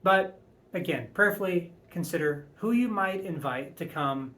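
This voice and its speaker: A man speaking as a pastor, giving church announcements in a measured, earnest, encouraging way. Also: a little high, lively intonation, a bit bright.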